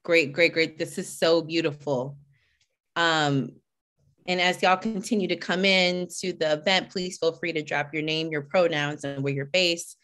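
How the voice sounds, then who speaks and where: A woman with a low-pitched voice hosts an online event over a video call. She chats casually as she greets attendees by name, then shifts into a steadier introduction of the organization. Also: steady tone, measured pace. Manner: warm, chatty greetings, reading names from the chat. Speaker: host and executive director.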